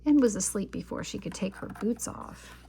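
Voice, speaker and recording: Reading a picture book for children, this expressive storyteller speaks at a normal speed. Her voice sits in the mid range, with vocal fry and a husky quality.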